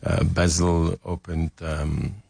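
This older Greek man, a restaurateur in his seventies, jokes at his own expense while recounting his story during a relaxed radio studio interview. He speaks slowly and flatly in a low, husky, slightly mellow voice with vocal fry and no room sound.

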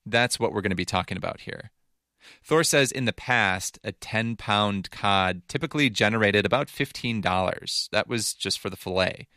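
A man's voice: on the low side, moderate pace, sharp tone, no echo, clean studio sound. A man narrating a scripted news feature in a conversational, explanatory way. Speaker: reporter narrating.

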